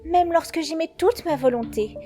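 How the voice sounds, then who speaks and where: A woman voicing a sly, composed teenage schoolgirl informant in a French anime fan dub, speaking in a knowing, measured way. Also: very high voice, mellow. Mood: scheming.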